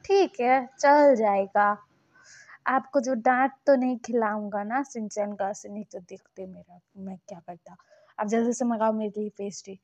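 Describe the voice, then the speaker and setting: A woman's voice: a little high, steady tone, moderate pace, darkish tone, dull audio, close to an everyday voice. A woman voicing a childish young man who throws tantrums over pastry, speaking in a whiny, petulant way. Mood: pleading, bargaining.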